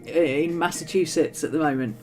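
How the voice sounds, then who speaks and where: A low, slightly mellow voice moving fairly quickly belongs to a middle-aged woman from the West Country of England. Her accent combines West Country and Manchester, and as a journaling streamer she chats casually while crafting, bubbly and laughing, with plenty of ums and faint music behind.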